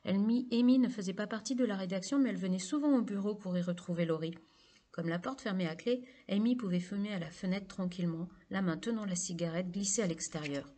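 A woman reads a novel aloud in an even, measured way, her voice sitting at an ordinary middle pitch. The telling is plain and unhurried, with an occasional small restart. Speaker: audiobook narrator. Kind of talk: scripted novel narration.

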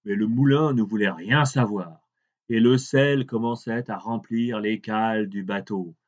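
A man reading a fairy tale aloud in an expressive way, drawing out words for emphasis. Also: lowish voice, measured pace. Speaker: storyteller. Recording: dull lo-fi recording.

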